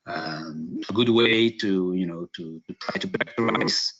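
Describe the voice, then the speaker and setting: A man from Hungary giving a business webinar presentation, halting, with many fillers and restarts. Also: sits low, fairly bright tone, breathy edge. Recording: dull lo-fi webinar audio.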